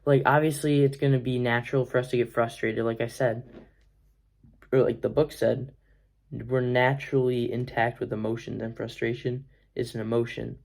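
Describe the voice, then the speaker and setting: Stuffy-nosed young guy rambling through a book summary, gravelly low rasp, lots of ums. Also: flat delivery, normal speed, a little mellow. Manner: rambling, filler-heavy, earnest. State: congested. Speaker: vlogger, athlete. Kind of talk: casual book summary vlog.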